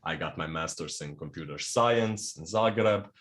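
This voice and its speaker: A young man from Croatia, a doctoral student, introducing a tech talk at a meetup in a relaxed, lightly joking way with frequent fillers. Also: low voice, moderate pace. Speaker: developer relations engineer, speaker. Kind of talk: technical meetup presentation. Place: meetup venue.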